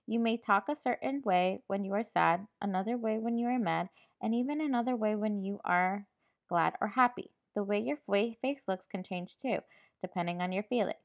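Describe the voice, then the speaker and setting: A woman's voice: medium pitch, normal speed. A woman teacher reading a picture book aloud to her class and patiently checking in with the children. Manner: patient, checks in with frequent "all right". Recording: dull lo-fi recording.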